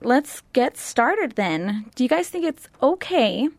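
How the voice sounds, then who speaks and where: An eighteen-year-old woman from Chile hosting a youth panel discussion in a studio, talking things through in a reflective, unhurried way. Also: high voice, big pitch swings, no room sound.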